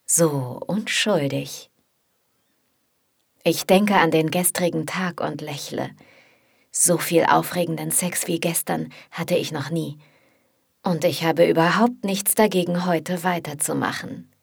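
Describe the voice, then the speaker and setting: Low, husky woman narrating an audiobook. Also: steady tone, measured pace, no echo, studio quality. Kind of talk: first-person audiobook narration.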